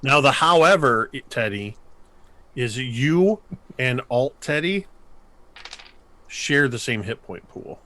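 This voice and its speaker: A man narrating a tabletop horror game as game master, slow and measured, with pauses and filler sounds. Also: medium pitch, animated, bright, forceful tone. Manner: slow, measured, pausing with ums.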